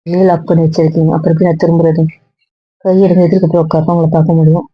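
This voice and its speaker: A woman's voice: deep voice, level tone, rapid-fire, husky, no room sound, dull audio. A young woman playing a hurt young girlfriend who questions and reproaches, in a web drama.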